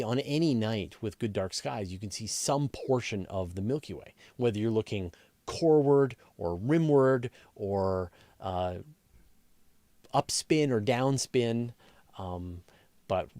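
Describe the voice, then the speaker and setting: A science journalist hosts a casual live astronomy Q&A, reading questions aloud and answering off the cuff in a conversational way, thinking aloud and rephrasing as he explains. His voice is lowish and darkish in tone, with no room sound.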